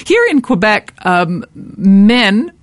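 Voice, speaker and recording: A woman who wrote the books, giving an informal, hesitant pronunciation guide. She says each French word slowly and carefully before explaining it. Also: medium pitch, big pitch swings, no room sound. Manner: hesitant, with frequent fillers and restarts.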